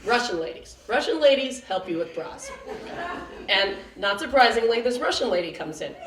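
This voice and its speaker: A woman in her late forties telling a self-mocking, chatty comic story on stage, with quick asides. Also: a little high, sing-song. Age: late 40s. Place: theater stage before an audience. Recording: roomy, distant, noisy live room.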